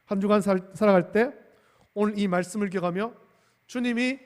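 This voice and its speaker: A man's voice: high voice, a little fast, darkish tone. A male pastor preaching a sermon emphatically, repeating key phrases and calling out hallelujah. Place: church sanctuary. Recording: long church-hall reverb.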